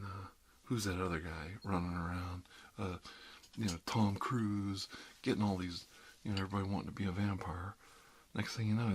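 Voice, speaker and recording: An ASMR performer roleplays a dentist, rambling in a casual, wry way and keeping up a reassuring, conversational patter for his patient. His voice is low with a breathy edge.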